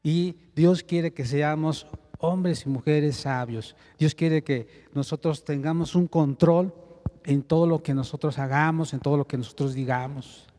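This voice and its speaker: A man's voice: fairly high pitch, measured pace, mellow, in a large hall. A man preaching a sermon in a conversational teaching manner, often asking his listeners rhetorical questions.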